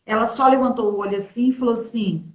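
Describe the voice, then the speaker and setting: A young woman telling an emotional faith testimony in a live chat, animated, quoting the people she met along the way. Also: a little high, fast talker, echoey room. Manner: animated storyteller, quoting others in her retelling. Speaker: guest sharing her testimony.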